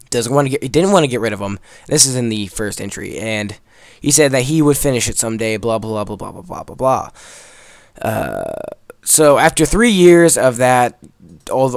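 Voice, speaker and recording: Over footage of gameplay, a young man spins a rambling, emphatic story in a casual tone, cursing freely. His mid-range voice carries some vocal fry, and the studio recording is clean with no echo.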